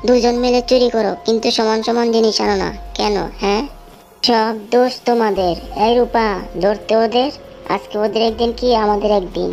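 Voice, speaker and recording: A woman's voice: fairly high pitch, steady tone, moderate pace, darkish tone, muffled recording, faint music behind, lightly acted. Woman acting a bossy cartoon jackal wife. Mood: scolding. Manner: bossy, scolding. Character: greedy, quarrelsome jackal wife of a thief. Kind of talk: exaggerated cartoon story acting.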